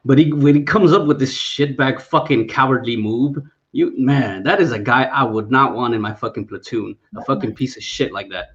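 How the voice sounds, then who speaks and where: Man, casual chat, heavy profanity, frequent laughter, mid pitch, muffled lo-fi sound. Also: normal speed, hardly any pauses. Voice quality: heavily profane, laughs often. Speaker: veteran discussion guest.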